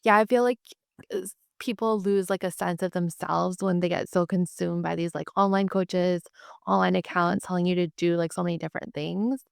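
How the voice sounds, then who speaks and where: A woman hosting a podcast, chatting in a relaxed, agreeable way with "like" fillers. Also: lowish voice, brisk, vocal fry, smooth, dry recording, studio quality. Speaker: podcast host. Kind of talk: casual podcast conversation.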